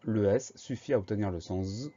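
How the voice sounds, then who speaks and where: Un homme enseignant l'orthographe avec un accent français, qui épelle les mots lettre par lettre, de façon lente et patiente. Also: male voice, fairly low pitch, animated, warm tone, highs cut off. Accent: French. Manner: slow, patient, spells letters one by one. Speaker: teacher. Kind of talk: spelling lesson, dictation.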